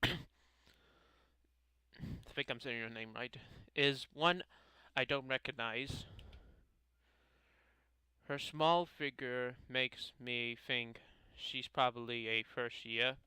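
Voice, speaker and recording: A man's voice: mid-range voice, steady tone, slow pace, pauses often, sharp tone, clean tone, no echo, rough recording. Young man reading a game aloud. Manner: casual, self-mocking, stumbles over lines. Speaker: gaming video creator. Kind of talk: reading a visual novel aloud.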